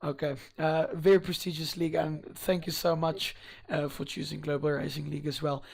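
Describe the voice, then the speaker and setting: A man with a wheezy, strained voice, hosting live esports race interviews and commentary in a hesitant, halting way. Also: on the high side, level tone, creaky, slightly rough.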